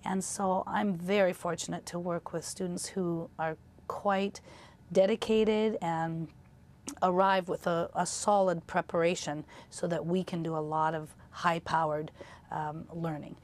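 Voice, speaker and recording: An older woman who teaches college biology and anatomy introduces herself and her work informally to the camera. Her voice is lowish, her delivery flat and unhurried.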